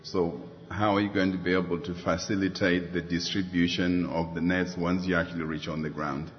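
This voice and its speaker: A man's voice: low-pitched, level tone, brisk. A man from Zimbabwe, asking a polite follow-up question from the audience and searching for his words. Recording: reverberant hall, dull lo-fi sound.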